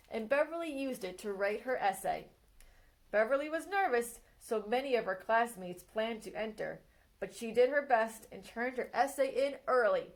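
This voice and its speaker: Speaking in a fairly high pitch, a woman librarian gives a children's read-aloud of a picture book biography. She reads expressively and takes it slower when the action builds.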